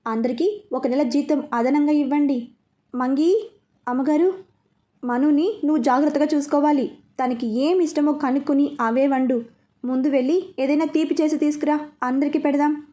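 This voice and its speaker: A woman's voice: high voice, normal speed, dark tone, close to an everyday voice. Woman doing a commanding old grandmother. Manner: authoritative, gives orders. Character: older grandmother, commanding matriarch of the estate.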